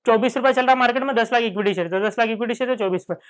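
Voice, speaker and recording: A man's voice: extremely high pitch, racing. A man with an Indian accent lecturing in a Hindi-English classroom, asking and answering his own questions and repeating key points. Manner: acts out students' questions in dialogue. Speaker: finance lecturer.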